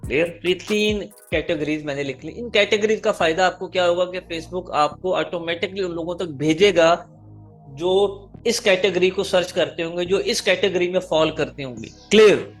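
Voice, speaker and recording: A middle-aged man teaching a live online marketing class. He explains each step slowly and keeps asking his students if it is clear. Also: sits high, faint music behind.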